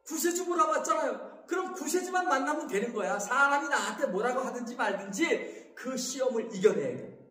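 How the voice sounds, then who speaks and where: Man preaching in a church, voice way up high and swinging all over, keeps shouting out and asking for amens. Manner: emphatic, bursts into shouts, asks the congregation for amens. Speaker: pastor. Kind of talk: sermon. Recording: echoey hall reverb.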